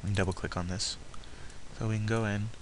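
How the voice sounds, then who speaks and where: A man narrating a software tutorial step by step, haltingly talking through each action as he does it. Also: on the low side, steady tone, slight background noise, poor audio. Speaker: tutorial presenter.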